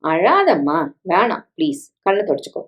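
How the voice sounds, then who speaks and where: A woman voicing a reluctant thirty-five-year-old son who gently protests and doubts, in a story reading with dialogue. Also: on the low side, very animated, moderate pace. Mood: gentle.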